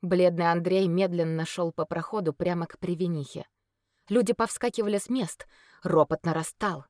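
A woman reading a fantasy story aloud in a steady, expressive audiobook narration. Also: fairly low pitch, moderate pace, dry recording, studio quality.

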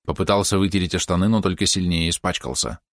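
A man narrating an audiobook in a measured, expressive storytelling manner. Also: sits low, no room sound, studio quality. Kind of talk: scripted narration.

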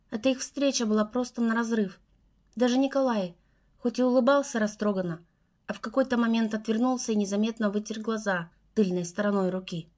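A woman reads a first-person novel aloud for an audiobook. Her storytelling is measured and earnest, with a slightly higher voice. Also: darkish tone. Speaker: audiobook narrator.

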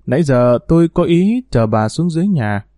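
A man's voice: a little high, animated, normal speed, dark tone, dry recording, clean studio sound, voice pushed up, close to an everyday voice. A man voicing a timid middle-aged female servant who speaks deferentially and pleads. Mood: pleading.

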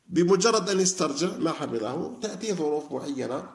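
A middle-aged man teaching an informal religious lesson, talking quickly in a slightly raised, gravelly voice. He speaks conversationally, with frequent fillers and self-corrections. The sound is echoey, as if recorded in a bare room. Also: fairly high pitch, expressive. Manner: conversational, many fillers and restarts. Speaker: teacher of Quran reflection.

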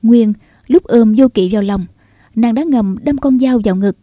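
A woman narrating a martial arts novel in a steady, measured reading. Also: fairly high pitch, no echo, clean studio sound. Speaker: audiobook narrator.

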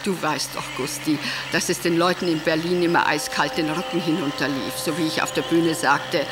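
An actress playing a vain, gushing, middle-aged wife who was once a stage actress, speaking in a theatrical radio drama with wide swings from cooing to brooding. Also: female voice, sits low, steady tone, moderate pace, background noise, lightly acted. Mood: reminiscing. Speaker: radio drama monologue lead. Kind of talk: German radio drama acting.

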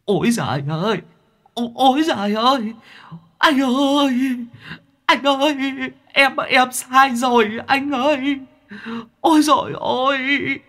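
A man voicing a cowardly, talkative male demon who whines and rambles in a high, wheedling voice. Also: slow, pushed and bright, heavily acted. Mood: pleading. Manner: whining, rambling, pleading. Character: cowardly chatty male demon, whiny pleader.

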